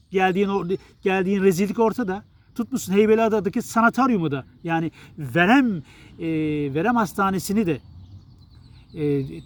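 A middle-aged male journalist and writer from Turkey, talking straight to his viewers in a blunt, exasperated, rambling monologue full of restarts. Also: high voice.

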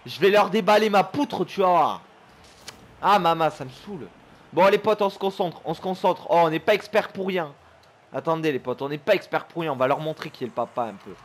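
A young man with a high voice narrates his own gameplay for his viewers. He talks to them like pals, then swings wildly up and down in pitch as he curses and shouts at the screen. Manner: excitable, swears and shouts at the game; chummy, keeps calling viewers his pals. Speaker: gaming YouTuber. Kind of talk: live gameplay commentary.

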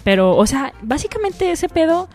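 Mexican woman, radio host, casual slangy chatter, swears freely, somewhat high voice, faint music underneath. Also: big pitch swings, moderate pace, darkish tone. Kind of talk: casual solo radio talk. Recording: music playing faintly behind.

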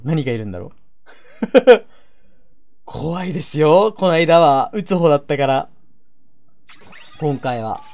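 A woman gaming YouTuber giving excitable game commentary, shouting reactions and talking to viewers. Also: low voice.

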